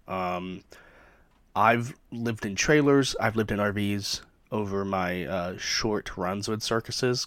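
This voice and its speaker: Rambling, jokey man with a low voice. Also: dry recording. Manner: rambling, jokey, lots of fillers. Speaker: podcast host. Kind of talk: casual chatty podcast intro. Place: his trailer behind an amusement park.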